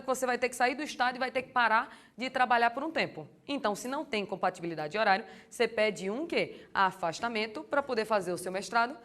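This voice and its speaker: A young adult woman, lecturing on law for exam prep in a lively, colloquial way and asking the class rhetorical questions. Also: mid-range voice. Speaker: law course teacher.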